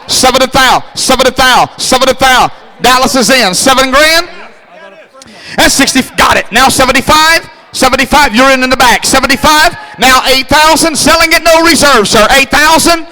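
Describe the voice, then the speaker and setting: A man working as an auctioneer, calling bids in a rapid, repetitive rolling chant. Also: very high voice. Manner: repetitive, rolling patter with shouted numbers. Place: live classic car auction.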